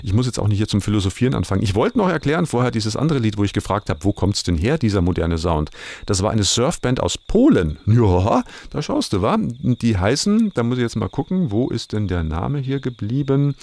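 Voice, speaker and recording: A middle-aged male music host chats casually in a fairly low, creaky voice. He digresses freely and pokes fun at himself in colloquial speech. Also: very animated, a little fast, a little mellow, dry recording. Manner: self-ironic, digressive, colloquial. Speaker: radio music show host. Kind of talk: casual rambling music presenting.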